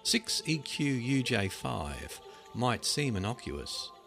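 A man reading written articles aloud as scripted narration, with measured, dramatic phrasing that drops at sentence ends. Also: medium pitch, very animated, vocal fry. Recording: loud music behind the voice. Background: music.

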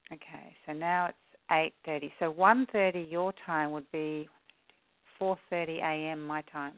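A woman's voice: sits low, fairly even intonation, measured pace. A woman heard over the phone, friendly and polite, repeating details back to confirm them. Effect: heard over a phone line. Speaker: caller. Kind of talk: phone call arranging a meeting time. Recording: tinny phone line.

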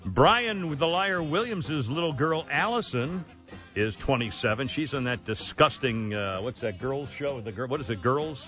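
A man's voice: medium pitch, animated, moderate pace, dull audio, soft background music. A man hosting a talk radio show, rambling and sarcastic, often exasperated, speaking from a studio. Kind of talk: casual talk radio banter. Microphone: studio microphone.

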